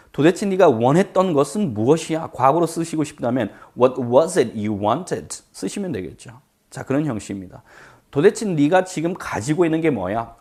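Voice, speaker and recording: A man's voice: mid-range voice, a little mellow. Man teaching English phrases. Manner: drills English phrases slowly, explains quickly in Korean. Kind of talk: language lesson.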